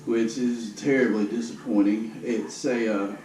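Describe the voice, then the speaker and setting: A man's voice: fairly low pitch, steady tone, a little slow, darkish tone. Downbeat man in a roomy, distant recording. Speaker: vlogger giving a personal health update. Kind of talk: casual spoken video update. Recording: roomy, noisy, distant camera microphone.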